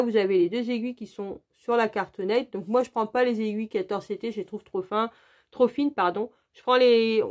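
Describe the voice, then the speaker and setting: A woman's voice: mid-range voice, a little mellow. A woman hosting her crafting channel, walking viewers through an unboxing in a casual, chatty way, full of "donc, euh" fillers and direct asides to the viewer.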